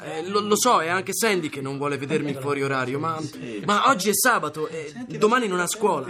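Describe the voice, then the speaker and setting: An actor playing a smitten, charming young rock star in a radio drama, stammering and pleading. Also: male voice, on the high side, natural voice. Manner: hesitant, stammering. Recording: music behind the voice.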